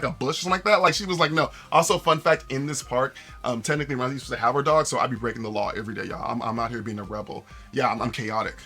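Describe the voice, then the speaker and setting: A man streaming live, chatting casually to viewers and telling a story with lots of restarts and acted-out quotes. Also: fairly high pitch. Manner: animated storyteller with many restarts and quoted voices.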